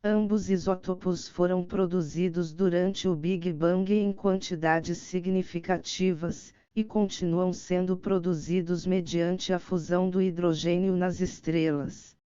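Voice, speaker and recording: A woman narrates formal, encyclopedic text with a measured delivery. Her voice is on the low side and very smooth and crisp. The sound is dry, with a slightly dull, lo-fi finish. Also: steady tone, mellow, no room sound. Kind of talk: scripted audiobook narration of an encyclopedic article.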